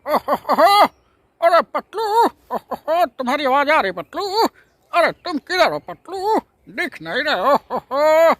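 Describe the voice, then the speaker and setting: A man's voice: very high voice, fairly bright tone, dry recording, voice pushed up, heavily acted. A man voicing a chubby, easily scared male cartoon hero who keeps chuckling "oh ho ho" between his lines. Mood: worried calling.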